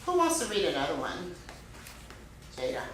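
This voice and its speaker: A woman's voice: normal speed, slight background noise. A woman teaching a speech club class, speaking expressively with lots of emphasis and rising and falling tone. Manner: expressive, varies pitch and emphasis. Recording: very echoey room.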